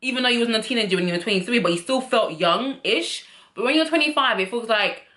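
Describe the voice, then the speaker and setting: A woman's voice: a little high, animated, fast talker, pushed and bright. A woman in her twenties, chatting candidly to camera as a vlogger. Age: 20s. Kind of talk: casual chat to camera. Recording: roomy echo.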